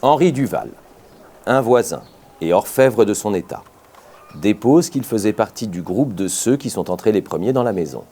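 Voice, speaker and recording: A man reading a classic detective story aloud as an audiobook narrator, in a measured, expressive manner. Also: lowish voice. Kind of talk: scripted narration.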